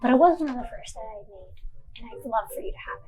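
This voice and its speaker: A woman voicing a kindly, easily excited old male carpenter who talks in a fussy, fond way. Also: a little high, fast, over music. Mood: eager.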